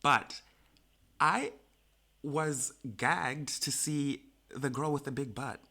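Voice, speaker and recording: A man co-hosting a podcast in casual chat, who gets animated and jumps high in pitch when he quotes people. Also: slow pace. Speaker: podcast co-host.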